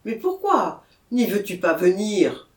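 A reader voicing a worried village mayor who coaxes a confession gently, in a storybook reading with a roomy echo. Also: mid-range voice, big pitch swings, takes it slowly, pitched above the performer's own voice. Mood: coaxing. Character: kindly, worried village mayor, older man.

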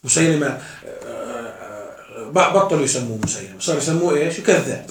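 A man's voice: medium pitch, lively intonation, fairly quick. A man teaching a class as a sheikh, often asking his students questions and answering them himself. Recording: echoey room, mic far off.

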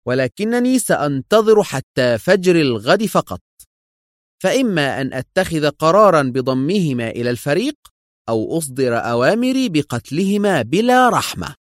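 A man voicing a harsh, commanding male crime boss in an audiobook, sharp and angry as he barks orders. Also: on the high side, very animated, fast talker, no echo, studio quality, pitched above the performer's own voice. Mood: stern.

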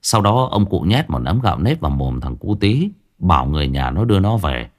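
A man's voice: sits low, sing-song, fairly quick. A man narrating a ghost story dramatically.

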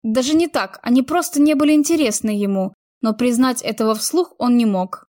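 A woman narrating a romance novel as an audiobook, in a steady, expressive storytelling manner. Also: a little high, moderate pace, dry recording, clean studio sound.

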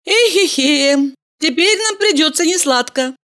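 A bright, teasing young heroine, voiced by a woman reading a storybook sounds very high and lively. She talks in quick exclamations, swinging up and down all over her range. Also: full character voice. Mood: bubbly. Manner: bubbly, chirpy and exclamatory.

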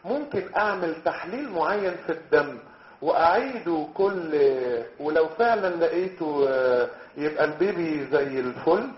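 Man, Egyptian accent, medical lecturer, high pitch, muffled roomy recording. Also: animated, moderate pace. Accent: Egyptian Arabic. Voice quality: quizzing, mixing English terms. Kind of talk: lively lecture with role-play.

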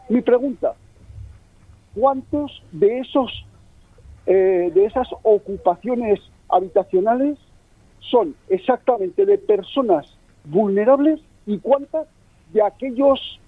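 A man's voice: sits high, expressive, slow, slightly rough, no room sound. Man calling in over a tinny phone. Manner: polite, hesitant, chatty. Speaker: radio caller. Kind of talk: call-in comment on talk radio. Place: bar terrace outdoors in a village. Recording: tinny muffled phone line.

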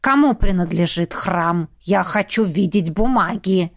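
A menacing undead ghoul with a mohawk growls his threats slowly, his voice pitched a little low as a woman narrator puts him on. The audiobook reading is dry and close, with no room around it. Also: dry recording.

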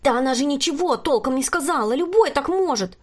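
A woman's voice: high-pitched, animated, fairly quick, a little mellow, pitched above the performer's own voice. A woman voicing a bossy, sceptical young girl who talks in a scornful, snappish way.

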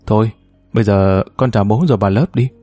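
A man voicing a worried father gently soothing and reassuring his young child. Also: fairly low pitch, fairly even intonation, fast, no room sound, soft background music, natural voice.

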